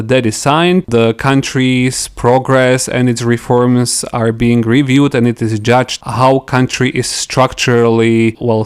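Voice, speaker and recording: A man from Slovakia, hosting an interview podcast in a halting way, often pausing to search for words. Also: medium pitch, darkish tone, clear, resonant tone. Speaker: podcast host. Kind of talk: casual interview chat.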